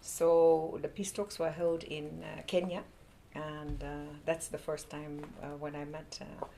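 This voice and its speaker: A woman's voice: deep voice, level tone, a little slow, vocal fry, dark tone, slight background noise, rough recording. A woman from the Netherlands serving as an ambassador, answering interview questions with many hesitant fillers.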